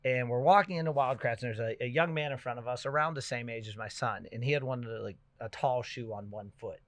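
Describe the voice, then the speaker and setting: Animated middle-aged man telling stories. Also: medium pitch, fast, dry recording. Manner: animated storyteller, loud bursts when excited. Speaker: podcast host. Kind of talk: casual chat.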